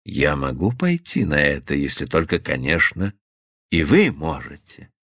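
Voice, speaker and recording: A man voicing a commanding older businessman who speaks slowly and softly in a low, hushed voice. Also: wildly swooping pitch, breathy edge, no echo, studio quality, exaggerated voice. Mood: coaxing. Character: powerful, commanding older businessman, coaxing and tender.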